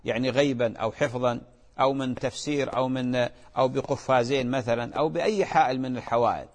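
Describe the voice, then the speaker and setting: A man's voice: medium pitch, fast, in a large hall. A man, a religious scholar patiently answering callers' questions on a call-in show. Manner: patient, reassuring, explanatory.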